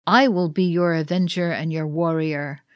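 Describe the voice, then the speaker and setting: A woman voicing the Green Man of Spring, a solemn heroic champion, declaiming slowly in a read-aloud ritual play. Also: sits low, fairly even intonation, smooth, no echo, studio quality, natural voice.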